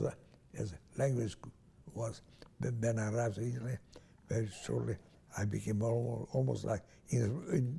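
In an oral history interview, an older man from Transylvania, Romania, whose native language is Hungarian, recalls his life. His medium-pitched voice is mellow yet gravelly and husky, and he sounds hesitant, restarting often.

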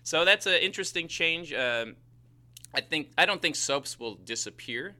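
A man co-hosting a podcast, chatting in a loose, rambling way with a self-mocking chuckle. His voice swings widely in pitch and has a very bright, tense edge. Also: lively intonation, normal speed. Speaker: podcast co-host. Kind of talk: casual chat.

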